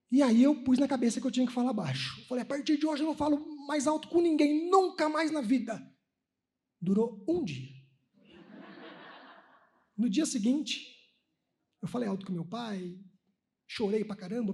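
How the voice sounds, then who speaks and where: A man in his thirties from Brazil giving a spiritist lecture at a conference, telling personal stories and acting out the dialogue. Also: extremely high pitch. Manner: animated storytelling, acting out dialogue. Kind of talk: sermon-like talk with personal stories. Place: lecture hall at a religious conference.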